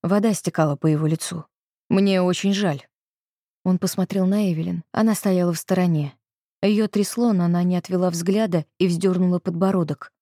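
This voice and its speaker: A woman narrating a novel in calm, measured scripted narration. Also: lowish voice, no room sound, studio quality. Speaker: audiobook narrator.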